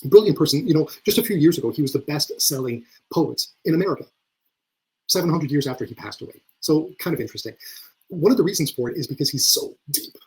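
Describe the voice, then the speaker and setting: A man's voice: a little high, lively intonation, fast, breathy edge, poor audio. Earnest man, stumbling restarts. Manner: earnest, repeats words often when starting phrases. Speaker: leadership coach and speaker. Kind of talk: webinar talk. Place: video call.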